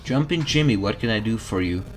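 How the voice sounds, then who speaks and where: A man's voice: lowish voice, animated, brisk, close to an everyday voice. A man voicing a jovial, hearty, folksy small-town man from a video game. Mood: jovial, grateful. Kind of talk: reading video game dialogue aloud.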